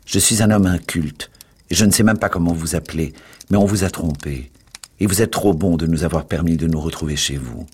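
A man reading aloud as an indignant, hot-tempered young man, forceful and outraged. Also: sits low, fairly quick, husky. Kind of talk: dramatic book reading.

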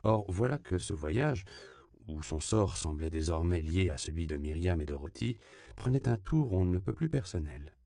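A man reading a novel aloud in a measured, sober narration. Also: low-pitched, expressive, vocal fry, dark tone, no room sound. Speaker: audiobook narrator. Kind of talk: scripted narration.

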